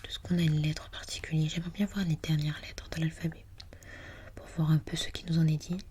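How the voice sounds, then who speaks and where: A woman whispering breathily as in a library, reading aloud for ASMR in a hushed, unhurried, musing way. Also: low-pitched, level tone, a little hiss or hum. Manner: hushed, unhurried, murmuring to self while reading. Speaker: ASMR host.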